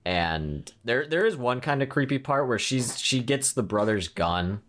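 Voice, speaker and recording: In a relaxed movie-review conversation, a young podcast co-host walks through a horror film, wandering off track and leaning on filler words. He speaks at a medium pitch, very animated and slightly slow, with a fairly bright tone.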